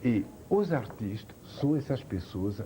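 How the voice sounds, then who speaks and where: Expressive chef from France. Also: male voice, on the low side, measured pace, a little hiss or hum. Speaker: chef guest. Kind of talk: TV talk show interview. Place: TV studio.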